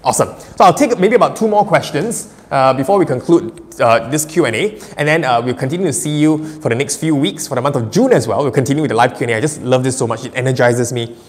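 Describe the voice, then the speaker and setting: A man's voice: mid-range voice, quick pace, hardly any pauses. Guy in his 30s doing a live q and a on public speaking, upbeat and punchy, medium voice, lots of hall echo. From Singapore. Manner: energetic, emphatic, laughs often. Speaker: public speaking coach answering live questions.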